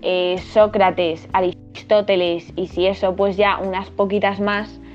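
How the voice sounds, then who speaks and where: A teenage girl, chatting casually as a student, excitable and slangy, swearing freely. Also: medium pitch, unhurried, dull audio, soft background music. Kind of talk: casual chat.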